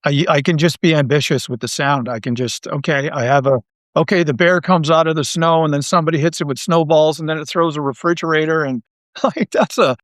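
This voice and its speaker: A Canadian man who writes audio dramas is the guest in an interview, his somewhat high voice recorded very dry with no room sound. Talking fairly quickly and casually, he tells stories in an animated, rambling way, often repeating a phrase before moving on.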